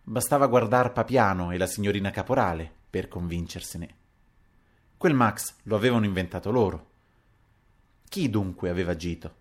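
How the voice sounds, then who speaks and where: A man reading a literary audiobook aloud in an expressive, dramatic storytelling manner. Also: low voice, normal speed. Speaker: audiobook reader.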